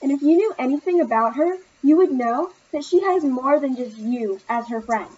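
A woman's voice: sits high, moderate pace, darkish tone, highs cut off. A woman reading the lines of a deaf teenage girl who is eager and clings to her friend, in a plain read-aloud way. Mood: tense, pleading.

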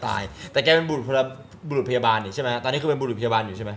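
A man's voice: medium pitch, rapid-fire, slight background noise. A man in casual chat among friends, cracking crude jokes and swearing a lot. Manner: crude joking banter, heavy swearing.

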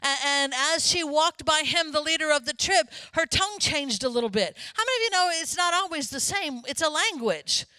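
A woman pastor preaching a sermon in a lively, conversational way, often turning to ask the congregation questions. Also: high-pitched, a little fast, few pauses, no echo.

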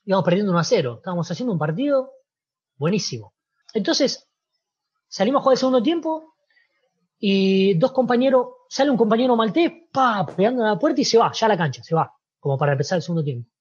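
A man with a Rioplatense Spanish accent, an interview guest who was a footballer, telling an animated story and acting out the dialogue. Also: sits high, fast talker, breathy edge, muffled recording. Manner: animated storyteller, acts out dialogue, frequent "¿viste?". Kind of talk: casual storytelling.

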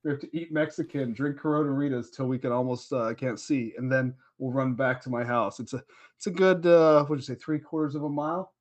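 A man co-hosting a podcast, chatting casually with many ums, trailing off softly. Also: mid-range voice, steady tone, fairly quick. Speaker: podcast co-host. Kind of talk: casual chat.

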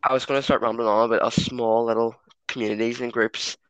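A man's voice: mid-range voice, little pitch movement, fast, fairly bright tone, clean tone, no room sound, low-quality recording. A man hosting a football podcast in a casual, chatty way. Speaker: podcast host. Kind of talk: casual chat, moderating a football discussion.

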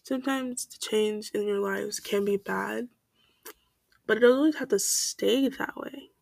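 A woman's voice: mid-range voice, unhurried, gravelly, dry recording. Giggly, rambling young woman podcaster. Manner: scattered, self-deprecating, laughs often. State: stuffed-up nose. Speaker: podcast host. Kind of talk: casual rambling monologue. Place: bedroom. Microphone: home mic.

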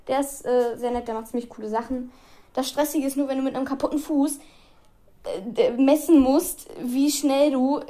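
Chatty teenage girl with a dark voice. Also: sits high. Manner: chatty, rambling, with many fillers and laughs; walks around while recording. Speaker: podcast host. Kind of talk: casual chat.

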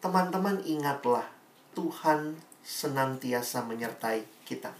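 Animated preacher man, echoey distant room. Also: mid-range voice, a little slow. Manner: animated, rising emphasis, acts out quoted voices. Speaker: youth pastor. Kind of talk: devotional talk answering questions.

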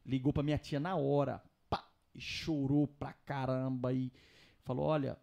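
A young Brazilian man, telling his story casually on a podcast in a slangy, animated way. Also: medium pitch, a little slow, vocal fry, dull audio.

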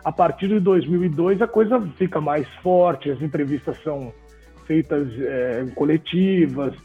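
A man, a sports journalist telling animated, laughing anecdotes in an interview. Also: fairly high pitch, measured pace, breathy edge. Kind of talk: casual storytelling in an interview. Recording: tinny phone-like audio with faint music.

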